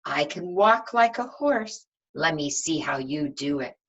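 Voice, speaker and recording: Reading a storybook, a woman voices an eager, imaginative young boy who calls out brightly to farm animals in a singsong way. Her voice is low-pitched and a little slow, with lively intonation, vocal fry, and exaggeration.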